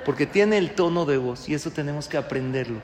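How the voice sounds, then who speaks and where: Lively rabbi preaching in an echoey hall. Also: male voice, a little high, a little fast. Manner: animated, asks the audience rhetorical questions, jokes. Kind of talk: sermon.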